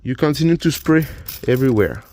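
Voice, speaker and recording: A DIY car repair vlogger whose first language is French walks through a repair step by step in French-accented English, working in a garage and under the car while filming on his phone. His mid-range voice is expressive and mellow, and his casual explanation halts often with "uh" and repeated words.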